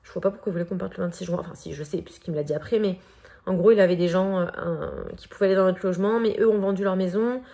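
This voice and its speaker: Chatty French woman with a gravelly edge. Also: lowish voice, fast, warm tone. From France. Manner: chatty, hesitant with frequent fillers. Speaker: vlogger. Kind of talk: casual vlog chat.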